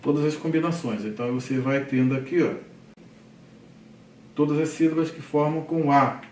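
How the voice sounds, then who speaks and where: A man teaches a Hebrew reading lesson, explaining step by step and often checking in with his students. He sounds set back from the microphone in a roomy space with a faint hum behind him. He drills syllables slowly and loudly. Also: on the high side, steady tone, far from the mic. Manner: explains patiently, checks in with frequent "tá?" and "né?". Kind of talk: recorded language lesson. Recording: roomy echo, voice off-mic, faint background hum.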